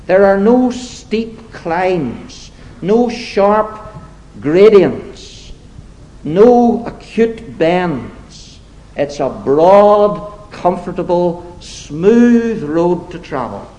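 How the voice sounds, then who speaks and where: A man preaching a sermon to his congregation, deliberate and emphatic, slipping into wry, self-deprecating asides. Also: high-pitched, expressive, dark tone, low-quality recording.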